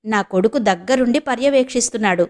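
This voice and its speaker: A woman's voice: a little high, fast, darkish tone, lightly acted. A woman voicing an affectionate, talkative older grandmother in a storybook reading. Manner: affectionate, coaxing.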